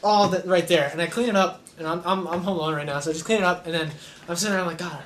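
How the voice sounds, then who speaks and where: A man's voice: sits high, steady tone, racing, a bit bright. A young man co-hosting a podcast, telling rambling stories with frequent laughter and casual swearing. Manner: rambling, laughing storyteller who swears freely. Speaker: podcast co-host. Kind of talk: casual chat, storytelling.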